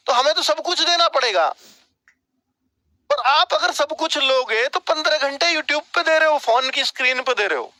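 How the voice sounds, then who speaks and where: High, bright-voiced male coaching teacher. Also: no room sound, poor audio. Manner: direct, scolding, repeats "ठीक है?". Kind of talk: motivational advice lecture.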